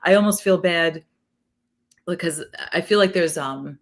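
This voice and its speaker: A middle-aged woman with a New York accent, a retired police detective telling animated stories in a casual interview, with a lot of "like". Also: lowish voice. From South Queens, New York City. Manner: animated, fast, peppered with "like".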